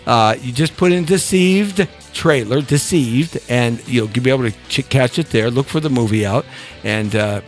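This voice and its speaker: A man's voice: medium pitch, normal speed, faint music behind. A man hosting a radio talk show who jokes, teases his guest, and laughs often. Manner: joking and teasing, laughs often.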